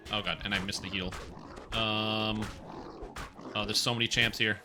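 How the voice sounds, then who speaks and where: A man livestreaming a game on headset audio, chatting casually with viewers and reacting loudly to the gameplay. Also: on the low side, fairly even intonation, normal speed, background noise. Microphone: livestream headset mic.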